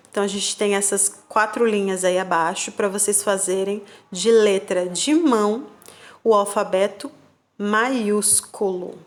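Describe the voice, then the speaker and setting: A woman teacher, giving patient, slow remote-class instructions to young children and spelling out syllables. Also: medium pitch. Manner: checks in with "tá bom?" and "combinado?". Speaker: primary school teacher.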